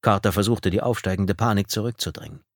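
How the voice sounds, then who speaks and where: Low-voiced male audiobook narrator. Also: no room sound, studio quality. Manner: steady, measured storytelling. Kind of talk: scripted narration.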